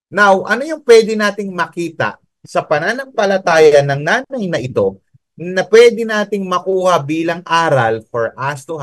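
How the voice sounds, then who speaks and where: Filipino pastor guy preaching, kinda high voice, dry close sound, drags out the bible verses. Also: dry recording. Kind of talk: sermon.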